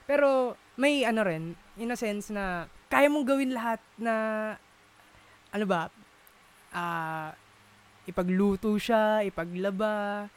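A man's voice: sits high, clean tone. A man in a casual chat, searching for words and mixing English into his talk. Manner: searching for words, many fillers, Taglish code-switching. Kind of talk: casual conversation.

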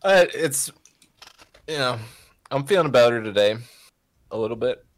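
A man's voice: medium pitch, expressive, a little slow, voice pushed up, natural voice. A man voicing a simple-minded, friendly young man in a tabletop game, easygoing and chatty.

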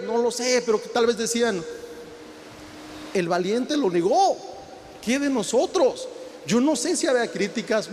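Male preacher, emphatic sermon, high-pitched voice, faint hall echo. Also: slight background noise. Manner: retells scenes with acted quotes, emphatic and rising in intensity. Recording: long hall reverb, faint ambience.

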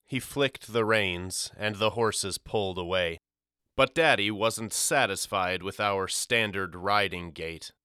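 A man reading a first-person novel aloud as an audiobook narrator, in a measured storytelling delivery. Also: fairly low pitch, pushed and bright, clear, resonant tone, dry recording, studio quality.

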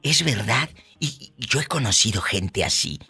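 Male Mexican comedy host, teasing and gossipy, bright animated voice. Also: lowish voice, moderate pace, slightly rough. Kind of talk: comedic radio-style hosting.

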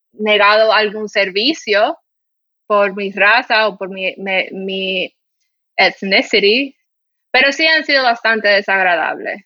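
This time her pitch is medium, and the recording is dry and muffled. She's a Dominican podcast host with a mild Dominican Spanish accent, telling casual, indignant stories in an animated way with plenty of fillers.

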